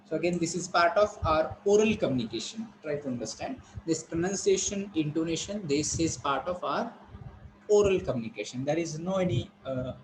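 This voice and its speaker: A man teaches an online college lesson. His voice sits fairly high, and he explains patiently with repeated phrases and "uh" fillers. Faint background noise runs under the call. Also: poor audio. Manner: explaining slowly with many fillers and repetitions. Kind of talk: online class lecture. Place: online class.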